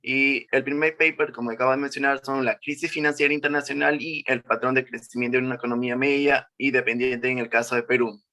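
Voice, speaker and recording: A man's voice: medium pitch, steady tone, fast, hardly any pauses, bright, forceful tone. A 21-year-old man giving a class presentation, walking through slides with frequent "eh" and "este" fillers. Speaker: student presenter.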